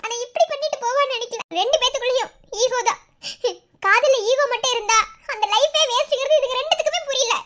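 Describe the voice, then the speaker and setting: A woman's voice: very high-pitched, fast talker, background noise. A woman with a Madurai Tamil accent voicing an upset young wife in a cartoon, tearful and indignant. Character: young wife upset over a family split.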